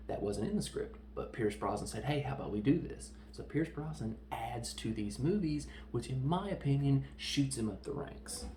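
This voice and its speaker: A man hosting a podcast, giving a casual, opinionated film review and mocking people with quick put-on voices. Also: mid-range voice, darkish tone. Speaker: podcast host reviewing films. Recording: echoey room with faint background noise.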